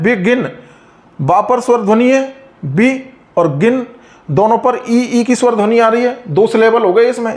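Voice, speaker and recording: A man explains grammar rules like a teacher. He speaks patiently and drags out example words slowly so each sound comes through. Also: sits high, a little mellow. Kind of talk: explaining a lesson.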